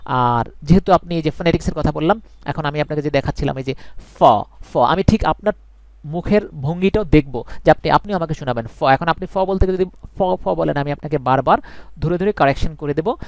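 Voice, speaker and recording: Man, fairly high voice, earnest live-class English tutor, reassuring. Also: no echo. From Bangladesh. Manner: earnest, reassuring, repeats points for emphasis. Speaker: English teacher.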